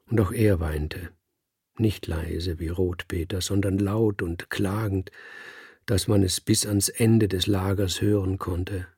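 Male audiobook narrator, low and gravelly, unhurried delivery. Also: steady tone, mellow, no room sound, studio quality. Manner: slow, measured storytelling. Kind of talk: audiobook reading of a literary story.

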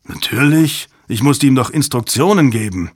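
A weary middle-aged commander justifies himself in firm, clipped sentences, played by a man close to his own voice. The tone is husky and the sound dry and close. It is an audiobook character part. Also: medium pitch, expressive, normal speed, no echo, pitched above the performer's own voice, natural voice. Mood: calm. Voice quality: firm, justifying, slightly impatient.

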